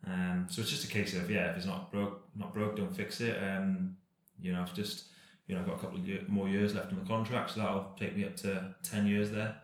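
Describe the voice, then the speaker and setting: A man in his thirties talks casually as an interview guest, loose and rambling, often restarting his sentences. His voice sits very low and barely moves in pitch. The sound carries a heavy room echo. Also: brisk, hardly any pauses. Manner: relaxed, rambling, many fillers and restarts. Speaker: professional cyclist guest.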